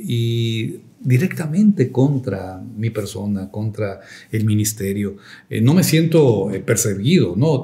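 Mellow-voiced pastor telling a testimony. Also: male voice, medium pitch. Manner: reflective storytelling with hesitant fillers, rising to emphatic preaching.

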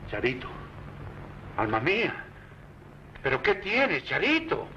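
An actor playing a returned husband, earnest, tender and pleading in 1940s film style. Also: male voice, fairly high pitch, wildly swooping pitch, slow pace, sharp tone, slight background noise, exaggerated voice. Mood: tender, worried. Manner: earnest, imploring. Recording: dull 1940s film soundtrack with music.

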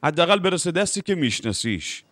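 A man's voice: on the high side, big pitch swings, fairly bright tone, no echo. A man dubbing a defiant younger brother arguing about the family company in a TV drama. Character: stubborn younger brother, brash businessman. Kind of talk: Persian dub of a TV drama.

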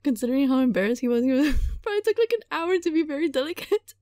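Her voice sits high and moves quickly as she plays through a visual novel, narrating it theatrically and tossing off animated, mock-exasperated reactions, with the odd stumble. The studio recording is clean, with no room sound.

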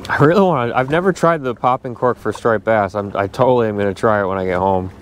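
A man chatting excitedly while fishing outdoors on a boat, cheering his catches. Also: fairly low pitch, quick pace, a little hiss or hum. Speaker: angler and channel host. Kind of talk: casual chat while fishing.

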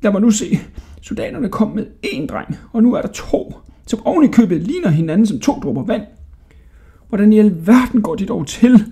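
A man's voice: sits high, very animated, creaky, warm tone, slightly rough, voice pushed up, exaggerated voice. A man voicing a bewildered, grumbling old male jailer in a storybook reading. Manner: muttering, flustered.

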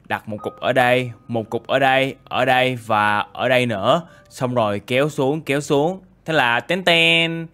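A man doing chatty, excitable game role-play commentary with lots of filler tags. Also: mid-range voice. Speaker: gaming YouTuber.

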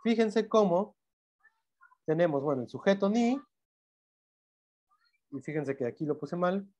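A man's voice: high voice, lively intonation, a little slow, darkish tone, muffled recording. A man lecturing in a Mexican Spanish accent, explaining grammar step by step with frequent self-corrections and check-in questions. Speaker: university language teacher.

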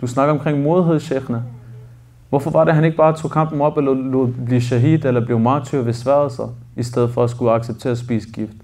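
A man's voice: medium pitch, darkish tone. A man, a sheikh, telling a religious story as a sermon and acting out the quoted speech of its people. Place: mosque.

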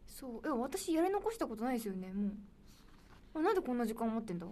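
A woman's voice: fairly high pitch, sing-song, quick pace. Bubbly young woman with a Kansai accent. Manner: bubbly, chatty, drops into soft near-whispered asides. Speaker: idol livestream host. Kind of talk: casual livestream chat reading viewer comments.

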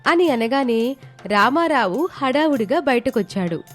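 A woman narrates a scripted moral tale in a storytelling style, her voice high, expressive and unhurried. Music plays behind her throughout the recording.

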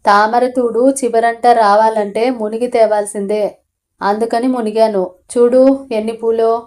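A woman's voice: on the high side, steady tone, a little slow, darkish tone, close to an everyday voice. A woman narrator voicing a bold, carefree village boy who talks bluntly, in an audio storybook.

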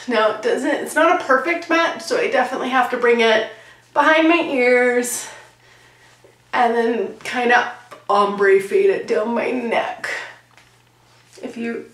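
Hoarse and froggy, this woman from Canada vlogs a laid-back beauty product review indoors in a small, bright bedroom. Her voice is a little high and a bit bright, and she jokes and chats while demonstrating. The recording is roomy, with a somewhat distant camera sound.

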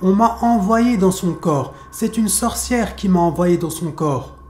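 A man's voice: high-pitched, lively intonation, a little slow, a little mellow, reverberant, a little hiss or hum. A man storyteller voicing a pleading female djinn with the voice of an old woman, begging to be left alone. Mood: confessing. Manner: begging, frightened, plaintive.

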